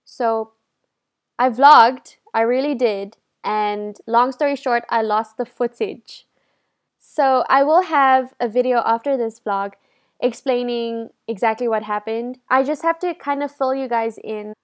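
A woman's voice: fairly high pitch, unhurried, smooth. A woman in her twenties talking casually to camera in a vlog, chatty and self-deprecating, recorded on a phone with an earphone mic in a living room. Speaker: vlogger. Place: indoor living room at night.

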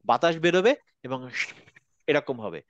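A man teaching a class, patiently modeling each sound slowly for students to repeat. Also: fairly high pitch, big pitch swings, lo-fi sound. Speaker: Quran reading teacher. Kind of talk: online class lesson.

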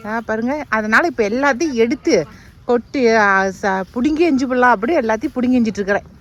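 A woman's voice: a little high, fast, highs cut off. A young woman in casual, chatty vlog narration outdoors on a farm, talking straight to her viewers. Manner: chatty, addresses viewers directly. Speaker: village vlogger.

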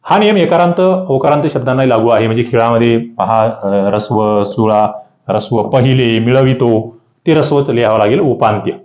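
A man teaching an exam-prep grammar lesson, working through many examples with his pitch swinging up and down to stress each point. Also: moderate pace, darkish tone. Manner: explains with many examples, pitch rising and falling sharply for emphasis. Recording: dull, echoey room sound.

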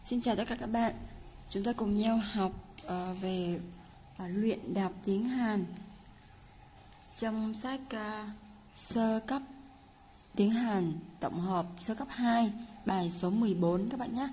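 A woman teaching Korean in a casual lesson, patiently repeating words slowly for learners. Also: mid-range voice, mellow, slight background noise. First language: Vietnamese.

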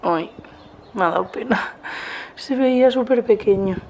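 A woman's voice: fairly high pitch, a little slow, noisy background. Chatty woman touring her garden outdoors. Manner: chatty, explaining as she walks around. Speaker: vlogger. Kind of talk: casual home tour vlog.

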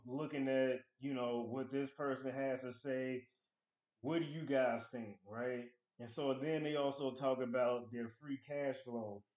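Guy in his 30s talking stocks to his webcam, mid-pitch voice, room kinda echoey. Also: darkish tone. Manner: conversational, reads article excerpts aloud and comments. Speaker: finance channel host. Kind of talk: casual stock analysis talk to camera. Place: small room at home.

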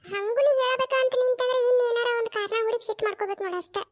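A grumpy, stubborn old mother-in-law in a cartoon comedy skit, voiced by one performer who plays both parts. She scolds and refuses in a North Karnataka Kannada accent. Her voice is shrill and very high, and her retorts come quick and clipped. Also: steady tone. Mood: irritated.

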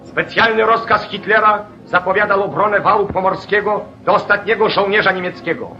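A man's voice: sits high, sharp tone, lo-fi sound, a little hiss or hum. A man narrating a 1940s newsreel in a rousing, declamatory, rhetorical way, as on an old newsreel soundtrack.

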